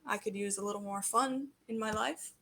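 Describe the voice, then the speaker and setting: A woman's voice: medium pitch, moderate pace, vocal fry, fairly bright tone, slight background noise. A woman as game master, narrating a tabletop game and voicing its characters in quotes. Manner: voices the mother and villain in quotes while narrating.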